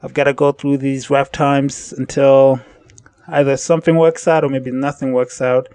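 A man's voice: medium pitch, level tone, moderate pace, a little mellow, smooth, dry recording, clean studio sound. A man hosting a casual solo podcast, rambling and correcting himself as he thinks aloud at home in the evening. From central United States. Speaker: podcast host.

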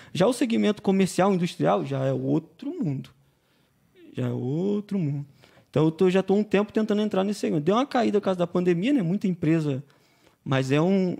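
A man with a high, gravelly yet mellow voice talks a little fast as a guest on a podcast. He owns a painting business, has a Brazilian Portuguese accent, and spins casual stories, forever ending lines with "né?".

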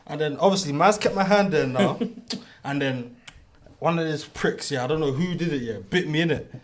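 A man's voice: a little high, moderate pace. A young man with a London roadman accent telling an anecdote to friends in emphatic, repetitive street slang.

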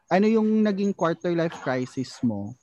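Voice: mid-range voice, a little slow, dull audio, crowd noise. Young host, twenties, easygoing and filler-heavy, casual podcast talk. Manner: relaxed, filler-heavy hosting. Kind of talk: casual chat.

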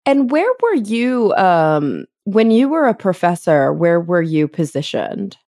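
Upbeat podcast host woman, low voice. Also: very animated, a little slow, a little mellow, dry recording, studio quality. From Texas. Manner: upbeat, laughs easily. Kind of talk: casual interview chat.

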